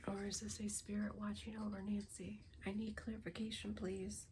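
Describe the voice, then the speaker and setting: A woman's voice: medium pitch, little pitch movement, moderate pace, noisy background. Older woman whispering to spirits. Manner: hushed, often whispering, pleading; emotional, earnest. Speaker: spirit box medium. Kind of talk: spirit box session vlog.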